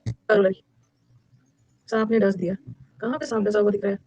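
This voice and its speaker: A woman teacher running a lively classroom lecture, drilling vocabulary with repetition and mnemonics. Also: moderate pace. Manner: energetic, repetitive, with sudden high-pitched emphasis. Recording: dull lo-fi dry recording.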